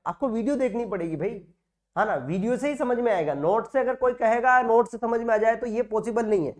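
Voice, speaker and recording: A man's voice: high-pitched, a little mellow. A man teaching nursing exam material in a classroom lecture style, repeating key words and asking and answering his own questions.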